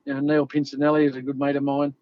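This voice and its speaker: A man's voice: medium pitch, completely flat delivery, fast talker, no room sound. A middle-aged Australian man, a former rugby league player, telling stories in a rambling, laid-back way. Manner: rambling, laid-back, lots of "you know". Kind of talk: casual interview storytelling. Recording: slightly dull lo-fi audio.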